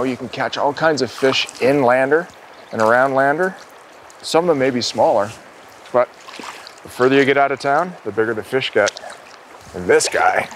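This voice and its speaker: A man in his thirties hosting an outdoor fishing show, wading in a small river and talking in an upbeat way that gets excited when a fish bites. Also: medium pitch, slight background noise.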